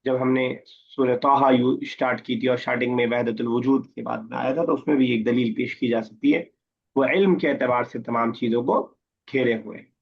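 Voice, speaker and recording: A male Arabic teacher with a husky, medium-pitched voice and fairly even intonation leads an online class word by word. He reads the Arabic slowly, then explains it in Urdu and quizzes his students. The audio is muffled and lo-fi.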